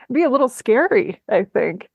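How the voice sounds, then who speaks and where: A woman's voice: fairly high pitch, sing-song, normal speed, vocal fry, husky, no room sound, narrow, tinny audio. A woman hosting a podcast, chatting casually and telling a story with frequent laughs. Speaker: podcast host. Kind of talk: casual conversation.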